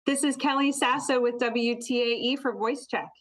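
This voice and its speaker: A woman's voice: on the high side, steady tone, normal speed, fairly bright tone. An American woman conducting a conversational broadcast interview as a local TV journalist.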